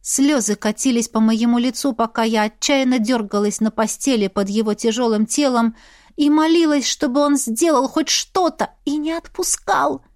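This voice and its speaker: A woman reading a first-person fantasy audiobook in a steady, expressive storytelling voice. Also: a little high, moderate pace, dry recording, studio quality. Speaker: audiobook reader.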